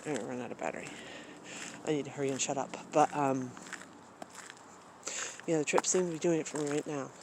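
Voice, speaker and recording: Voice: mid-range voice, fairly quick, long pauses, background noise. A vlogger talking casually into a phone camera at home, rambling with lots of fillers and restarts. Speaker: travel vlogger.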